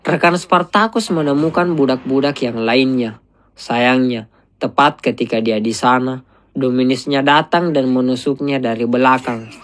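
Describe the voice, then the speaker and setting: A man doing a steady, scripted voice-over that retells a film's plot. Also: medium pitch, moderate pace, faint music behind. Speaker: film recap narrator. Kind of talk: scripted narration.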